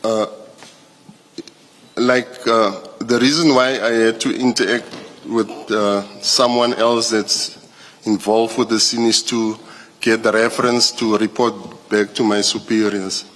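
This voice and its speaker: Male witness, South African, police captain at a hearing: slow, hesitant formal delivery, reverberant room. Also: fairly low pitch, level tone, fairly bright tone, a little hiss or hum. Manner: halting, hesitant, repeats and restarts phrases. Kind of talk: formal testimony at a commission hearing. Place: large indoor hearing room.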